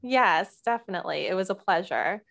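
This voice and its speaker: A woman hosts her own podcast and welcomes a guest in a casual chat. She speaks in a friendly, easy way with small hesitations. Her pitch sits in an ordinary middle range. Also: animated, moderate pace, vocal fry, a bit bright. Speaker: podcast host, interviewer.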